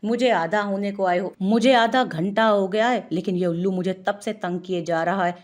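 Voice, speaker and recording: A woman's voice: mid-range voice, normal speed, darkish tone, natural voice. A woman reading the lines of a hot-tempered young woman who scolds and threatens in an irritated way. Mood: annoyed.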